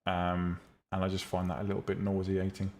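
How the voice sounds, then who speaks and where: This streamer, who teaches 3D rendering and how to make visual novels, talks briskly in a low, calm, relaxing voice. He chats with his audience in a casual, blunt way about producing 3D tutorials, often saying um and starting his sentences over.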